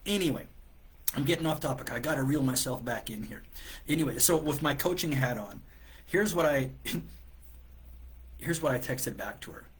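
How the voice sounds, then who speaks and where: A man hosting a live coaching show, telling a story in an animated, exasperated way with many restarts. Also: medium pitch, normal speed, long pauses, slightly rough. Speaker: business coach and host.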